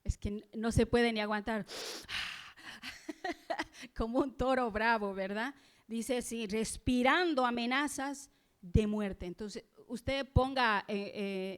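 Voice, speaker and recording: A woman's voice: on the high side, fairly bright tone, smooth. A woman preaching a sermon in a church, earnest and reflective, asking her listeners questions.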